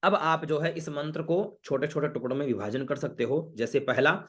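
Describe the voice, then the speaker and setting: A man teaching Vedic mantra pronunciation in an online class, breaking words into syllables and then chanting each phrase slowly. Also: a little high.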